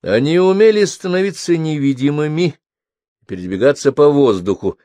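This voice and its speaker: An easygoing young man jokes and clowns around, voiced by a male reader. His voice sits somewhat higher than the reader's usual low tone and keeps a good-natured ease. The recording is dry and close. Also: expressive, normal speed, dark tone, no echo, lightly acted. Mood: jokey. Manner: joking, easygoing.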